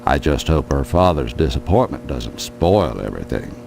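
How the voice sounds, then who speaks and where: Deep-voiced folksy small-town sheriff. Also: male voice, very animated, moderate pace, vocal fry, a little mellow, a little hiss or hum, exaggerated voice. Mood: admonishing. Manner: folksy, drawling, admonishing. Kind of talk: video game character acting.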